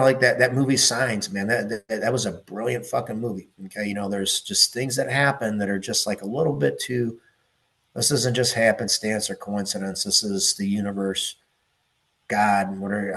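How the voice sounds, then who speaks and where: A middle-aged man with a somewhat low voice, talking as a guest on a podcast. He rambles through stories and asides, swears freely, and leans on fillers. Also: fairly bright tone. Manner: profane, rambling storyteller with many fillers. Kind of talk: casual podcast chat.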